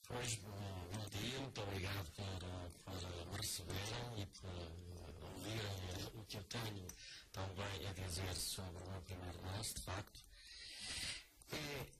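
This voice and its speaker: A man's voice: low-pitched, unhurried. An older man with a European Portuguese accent, a guest on a radio interview, talking hesitantly with many restarts. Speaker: author guest. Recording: noisy radio broadcast.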